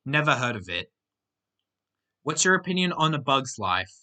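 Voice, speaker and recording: Bright, lively young man. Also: medium pitch, moderate pace. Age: young adult. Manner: reads out questions, then gives short plain answers. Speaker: channel host answering viewer questions. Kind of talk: casual Q&A monologue.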